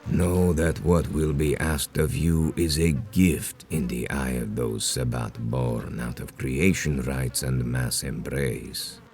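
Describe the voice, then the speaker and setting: Extremely deep, menacing ancient vampire lord. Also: male voice, steady tone, a little mellow, slight background noise. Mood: grave menace. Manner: solemn, grandiose, deliberate. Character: ancient menacing male vampire sect leader, grandiose and cold. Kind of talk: dramatic video game villain dialogue.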